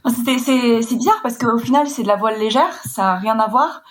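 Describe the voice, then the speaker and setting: A woman's voice: fairly high pitch, a little fast. A woman in her twenties from Poland, a sailor being interviewed, telling her story fluently and explaining things in detail. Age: 20s. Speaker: sailor guest. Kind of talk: casual interview chat.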